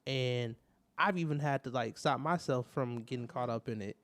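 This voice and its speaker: Smooth-voiced man musing on a podcast. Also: medium pitch, fairly bright tone. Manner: measured, thinks aloud with fillers and restarts. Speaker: podcast co-host. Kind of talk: casual podcast discussion.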